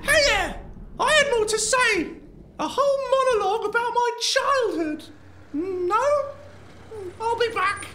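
A woman's voice: very high voice, lively intonation, a little slow, background noise. A woman playing a scheming, boastful pantomime villain king who heckles the audience and sings threats. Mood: petulant. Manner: taunting, heckles the audience, sing-song threats.

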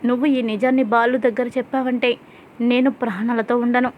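A desperate young woman read by a woman narrator begs in a hushed voice for her secret to be kept. It is a storybook retelling with a fairly high voice. The recording is dull and lo-fi. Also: little pitch movement, brisk, slight background noise, close to an everyday voice. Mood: pleading. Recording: dull lo-fi sound.

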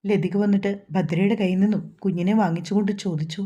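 A woman with a Malayalam accent reading a romantic novel aloud as narrator, voicing every character in a fairly even tone. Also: medium pitch, quick pace, lo-fi sound. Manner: reads all characters' dialogue in a mostly even voice. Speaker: story narrator.

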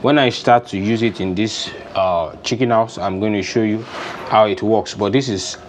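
Speaking at a normal pace in a lowish voice, a young man with a Nigerian accent leads an unscripted, hands-on DIY farming demonstration. He's in an open-sided poultry house with a concrete floor, with music playing and a little hiss or hum on the recording.

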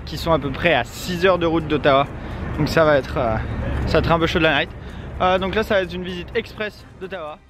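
Speaking a little fast over music, a young adult man with a fairly high voice vlogs on a city street. He rambles hesitantly into a handheld camera held at arm's length, with street and traffic noise behind him.

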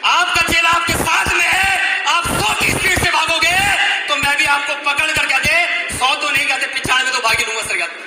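Man shouting a speech in a stadium. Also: very high-pitched, fairly even intonation, moderate pace, hardly any pauses. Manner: shouting, emphatic, repeats himself. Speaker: speaker at business event. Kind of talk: motivational stage speech. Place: large indoor stadium stage. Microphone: far phone camera in audience. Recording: echoey stadium from far off. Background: loud crowd noise.

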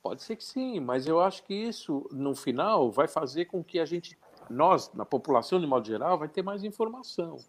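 A man's voice: fairly high pitch, very animated, moderate pace. A man giving his opinions in a political discussion over a video call, his voice coming through metallic and glitchy from an unstable internet connection, with hesitant restarts as he thinks aloud. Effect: metallic, glitchy voice from an unstable internet stream. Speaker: political commentator on a talk show.

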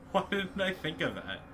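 Animated man streaming a game. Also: high voice, a little hiss or hum. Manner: reactive, swears casually, thinks aloud. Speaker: streamer playing a video game. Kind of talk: casual live gameplay commentary. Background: loud game music.

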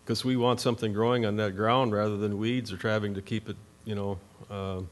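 Plainspoken farmer at a conference podium. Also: male voice, lowish voice, little pitch movement, a little fast. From North Dakota. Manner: plainspoken, rambling with many fillers and restarts. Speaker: farmer panelist. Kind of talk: conference panel talk. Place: conference meeting room at a podium.

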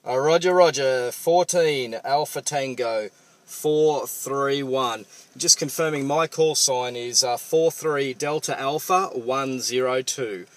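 Man, Australian accent, mid-pitched, radio operator talk, casual, matey, halting delivery. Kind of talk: two-way radio contact, call signs and radio jargon. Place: parked vehicle.

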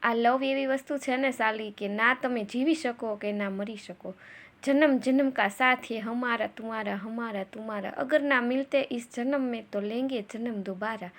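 A woman's voice: fairly high pitch, normal speed, fairly bright tone, natural voice. A woman voicing a smug young man who blackmails his ex-lover, mocking her and singing old film songs off-key.

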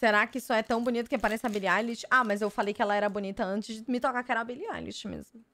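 A young woman with a Brazilian Portuguese accent chats casually to her stream, bursting into gushing exclamations. Her voice sits fairly high. The sound is dry and close. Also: rapid-fire, dry recording. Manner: gushing, easily excited exclamations. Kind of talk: casual card-opening chat.

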